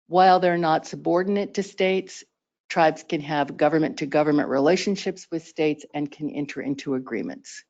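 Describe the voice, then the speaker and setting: Measured training presenter, dull lo-fi sound. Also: mid-range voice, a little mellow. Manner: measured, explanatory, with occasional fillers. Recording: dull lo-fi recording.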